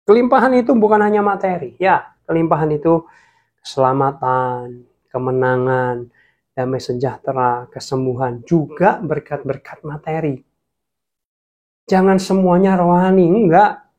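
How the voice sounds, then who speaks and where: A man preaching a casual, lively sermon, sometimes dropping to a whisper for emphasis. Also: a little high, a little slow, lo-fi sound. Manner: lively, drops to whispers for emphasis, mixes in English.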